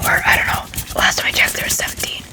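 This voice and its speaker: An ASMR creator speaks in a breathy, unvoiced whisper at a fast clip. The talk rambles casually, and short phrases get repeated several times in a row.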